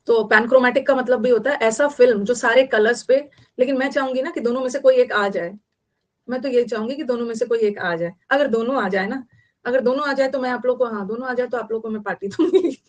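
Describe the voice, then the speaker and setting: A woman's voice: fairly high pitch, fast talker, dull audio. A young adult woman with an Indian accent teaching vocabulary online, explaining in Hindi mixed with English and repeating key words.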